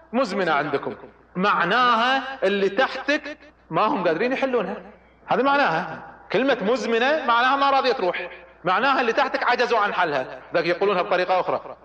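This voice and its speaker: A middle-aged man gives a leadership lecture. He exhorts the audience, and his voice leaps up when he presses a point. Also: high voice. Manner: animated, exhorting the audience with sudden rises. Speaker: leadership trainer. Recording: echoey, dull lecture hall recording.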